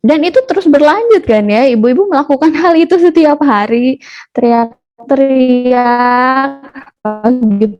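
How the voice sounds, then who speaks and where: A woman's voice: high-pitched, unhurried, darkish tone, faint music behind. A woman giving a casual online parenting class, chatty and now and then acting out a scolding parent. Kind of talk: casual online webinar talk. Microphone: video call. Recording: dull lo-fi webinar audio.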